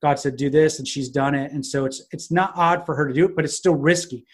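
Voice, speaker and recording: A man with a fairly high voice, talking as a guest in a casual interview. He tells stories in an animated way and starts sentences over as he goes. His talk is full of fillers. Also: a little fast, breathy edge. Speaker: business consultant guest. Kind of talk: conversational storytelling interview.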